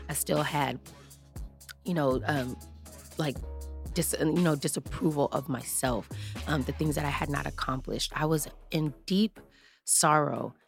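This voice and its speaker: A woman's voice: low voice, creaky. A woman in her thirties hosting a podcast, giving a heartfelt personal motivational talk with lots of fillers. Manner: heartfelt, rambling, many fillers. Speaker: podcast host.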